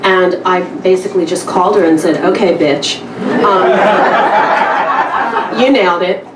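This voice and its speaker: In an echoing event room before a small audience, a publisher introduces a story and reads it. Her voice is lowish and steady and her pace measured, her manner candid, wry and casual, as if reading among acquaintances. The mic sits far off and background noise comes through clearly.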